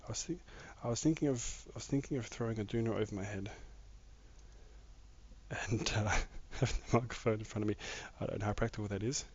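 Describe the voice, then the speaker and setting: Streaming a game live from his home room, a man with a somewhat mixed Australian accent chats casually and rambles to viewers as he builds. He talks fast in a lowish, husky, slightly mellow voice, captured on a dull lo-fi mic with faint noise.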